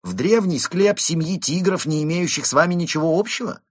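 A bellowing moose police inspector for a storybook, loud and pushy, always raising his voice to a higher bark, as a male narrator puts him on. The voice stays husky and sits close to a dry mic, each line jumping up with lively swings. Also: fairly quick, dry recording. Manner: barking, raises voice to shout.

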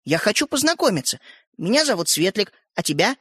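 A timid, curious young boy, as a man puts him on, speaking hesitantly in a high voice. The sound is dry and close. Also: big pitch swings, brisk, a bit bright, husky, no echo, exaggerated voice. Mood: polite.

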